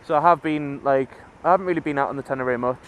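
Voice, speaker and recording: A man's voice: mid-range voice, fast. A man talking inside a motorbike helmet, chatting casually and rambling along like a vlogger as he rides. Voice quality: muffled, enclosed sound of speaking inside a helmet. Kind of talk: casual chat while riding. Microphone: microphone inside a helmet. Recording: loud wind, engine and road noise.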